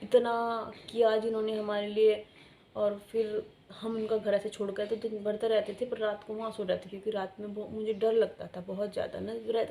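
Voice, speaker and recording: A woman's voice: mid-range voice, creaky, mellow. A young woman telling a personal story in a chatty, rambling vlog style, repeating herself for emphasis. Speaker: vlogger. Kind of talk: casual storytelling.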